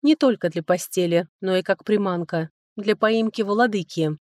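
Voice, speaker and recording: A woman's voice: medium pitch, moderate pace, a little mellow, no room sound. Woman narrating an audiobook, dry sound. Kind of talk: scripted narration.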